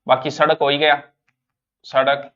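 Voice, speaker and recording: A male teacher with a Rajasthani accent giving an exam-prep grammar lesson, talking straight to his students and swinging between loud and soft. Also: on the high side, flat delivery, unhurried. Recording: dull lo-fi online class audio.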